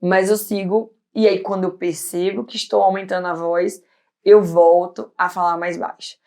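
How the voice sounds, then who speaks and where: Loud, animated woman in her thirties. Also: fairly low pitch, vocal fry. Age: 30s. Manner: loud, animated, talks fast and laughs easily. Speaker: pediatrician guest. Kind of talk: casual interview chat.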